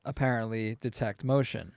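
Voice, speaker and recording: A man co-hosting a relaxed podcast chat, spinning a rambling story full of filler words. His voice sits in a middle pitch and is recorded close and dry, with no room sound around it. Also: moderate pace, vocal fry, no room sound. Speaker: podcast co-host. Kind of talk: casual chat.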